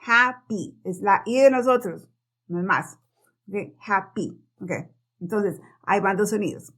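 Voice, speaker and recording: A woman whose first language is Spanish gives a relaxed pronunciation lesson, her voice getting a little worn. She talks in a chatty way, repeats her examples and keeps checking in with a quick "ok?". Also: medium pitch. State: losing her voice. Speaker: English pronunciation teacher. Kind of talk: casual spoken lesson.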